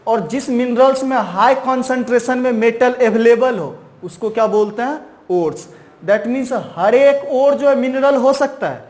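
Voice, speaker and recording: High-voiced man teaching with self-posed questions. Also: a little mellow. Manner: keeps asking and answering his own questions; repeats key terms slowly, ends points with "right". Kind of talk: chalk-and-talk science lesson.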